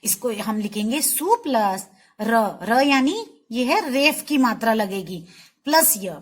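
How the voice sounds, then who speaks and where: A woman's voice: fairly high pitch, animated. A woman teacher giving a spelling lesson to young children, patiently stretching out each syllable and repeating words for them to say back. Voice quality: slow, drawn-out syllable-by-syllable pronunciation.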